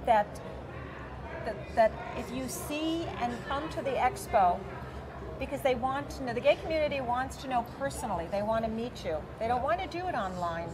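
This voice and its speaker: Crowd noise from a bustling convention hall surrounds a middle-aged woman organizing an expo as she chats through interview questions with plenty of fillers and hand gestures. She sounds a little high and expressive, keeping a moderate pace indoors in the big venue.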